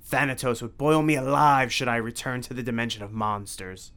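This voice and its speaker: A man's voice: medium pitch, fairly even intonation, fairly quick, a bit bright, lightly acted. A man voicing a menacing, theatrical male vampire count who sneers and mocks. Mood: indignant. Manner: sneering, mocking, grandiose.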